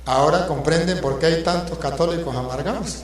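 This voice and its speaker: Male priest, high-pitched, preaching with emphatic rhetorical questions, heavily echoing room. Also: brisk. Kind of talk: sermon. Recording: very echoey hall with faint hum.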